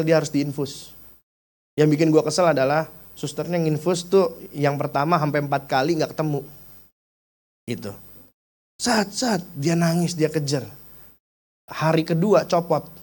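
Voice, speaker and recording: A man's voice: medium pitch, a little mellow. A young adult man with a Jakarta accent preaching a sermon, talking casually in slang and telling stories from his own life. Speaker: youth pastor. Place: church service.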